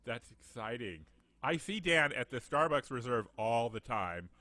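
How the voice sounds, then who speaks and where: A man hosting a casual video-call chat, animated and jokey, slipping into mock voices. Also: mid-range voice, measured pace, no room sound. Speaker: podcast host.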